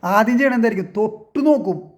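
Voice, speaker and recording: Man, high-pitched, casual monologue to viewers, storytelling, rhetorical questions, keeps checking if you follow. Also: quick pace. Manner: rhetorical, keeps asking if listeners understand; storytelling, poses and answers his own questions. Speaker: online commentator.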